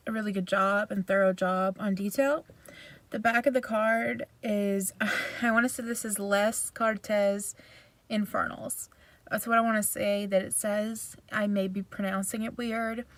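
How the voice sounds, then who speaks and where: A woman giving a casual, chatty review with a self-deprecating manner, recorded inside a parked vehicle. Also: mid-range voice. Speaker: video reviewer.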